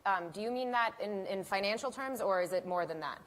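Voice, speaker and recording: A woman's voice: mid-range voice, a little fast. Chatty young woman interviewer. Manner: chatty, upbeat, many fillers and restarts. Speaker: interviewer, event moderator. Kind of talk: conference stage interview.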